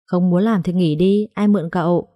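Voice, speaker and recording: A woman's voice: on the low side, fairly even intonation, moderate pace, warm tone, lightly acted. A woman voicing an aloof, brooding young man in an audiobook story, speaking curtly. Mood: cold. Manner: curt, detached.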